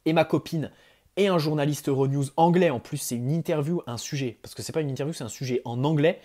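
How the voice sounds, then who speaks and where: A young man from France, talking straight to his viewers in a chatty, excitable vlog full of fillers and restarts. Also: on the high side, quick pace. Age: young adult. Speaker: YouTuber. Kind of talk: casual vlog address to viewers.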